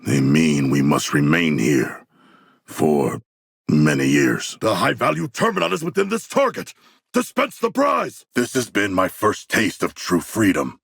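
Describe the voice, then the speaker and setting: A man voicing a hulking shark-man in a video game, gravelly, formal and articulate, earnest yet bloodthirsty, with stilted deadpan phrasing. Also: low voice, unhurried, no room sound, clean studio sound, full character voice. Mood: battle-ready, forceful.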